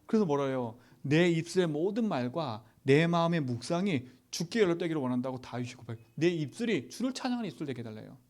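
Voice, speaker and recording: A male pastor giving a sermon. He asks the congregation rhetorical questions and swings from loud exhortation to near-whispers. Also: a little high, very animated, quick pace, few pauses.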